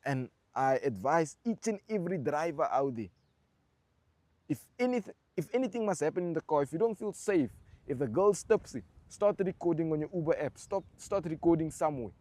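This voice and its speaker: South African man, mellow and close-miked. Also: a little high, lively intonation, moderate pace, dry recording. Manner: repeats words for emphasis. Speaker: ride-share driver telling his story. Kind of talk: casual storytelling to camera.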